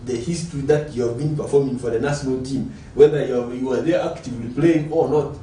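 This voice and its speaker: A man's voice: mid-range voice, fairly even intonation, fast, mellow, distant mic, slight background noise. A man giving his view as a studio guest, arguing his point with emphasis. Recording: very echoey room, off-mic.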